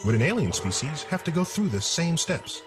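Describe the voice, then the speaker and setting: A man hosting and narrating a nature documentary in a measured, scripted style, posing rhetorical questions. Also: fairly high pitch, very animated, over music.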